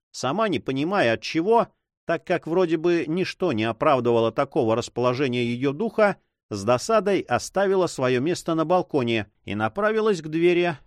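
Expressive male audiobook reader. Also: on the high side, dry recording, studio quality. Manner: expressive, animated. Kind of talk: scripted narration.

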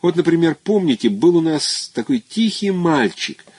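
Audiobook role: man doing a gushing, chatty schoolmate, husky voice, dry close sound, lively exclaiming lilt. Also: a little high, moderate pace, dry recording, pitched above the performer's own voice. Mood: effusive. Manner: effusive, exclaiming, rambling memories. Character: chatty nostalgic former classmate, adult man. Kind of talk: audiobook character voice.

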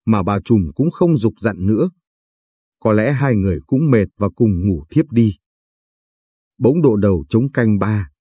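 Slow, breathy male storyteller. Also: lowish voice, dry recording, clean studio sound. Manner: measured, steady reading. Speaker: narrator. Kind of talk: storytelling narration.

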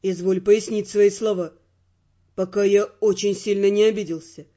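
A woman voicing a confident, teasing young male earl in a lowered, mocking, self-assured tone. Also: steady tone, normal speed, dark tone, muffled recording, lightly acted. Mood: wry, confident.

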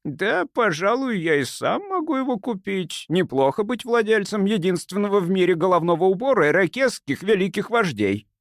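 A man putting on a calm, sly old doctor. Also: high voice, moderate pace, hardly any pauses, dry recording, studio quality, voice pushed up. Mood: calmly bargaining. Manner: soft, sweetly calm, unflappable. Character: sly smooth-talking older male doctor.

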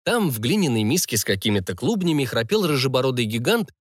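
Lively, ironic male audiobook narrator. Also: medium pitch, quick pace, no room sound, clean studio sound. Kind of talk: first-person audiobook narration.

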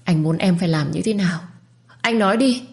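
A woman's voice: fairly low pitch, a little fast, creaky, a little mellow. Woman voicing a pleading, tearful young wife.

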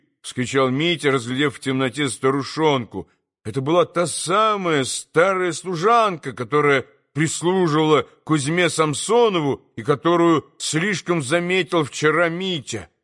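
A male narrator reading a classic novel as an audiobook, in a measured and expressive way. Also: fairly high pitch.

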